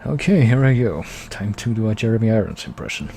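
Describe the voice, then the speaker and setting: A man's voice: fairly low pitch, sing-song, fast, vocal fry, dark tone, a little hiss or hum. A man streaming live, chatting casually between karaoke songs in mumbling, self-deprecating asides over faint music.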